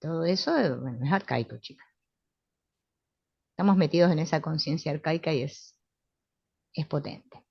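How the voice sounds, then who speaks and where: A middle-aged woman with a Rioplatense Spanish accent, calmly and confidently teaching a spiritual therapy class, often asking "right?". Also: low voice, moderate pace, gravelly, pauses often, slightly rough, no echo. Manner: calm, assured, with frequent tag questions. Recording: dull, lo-fi sound.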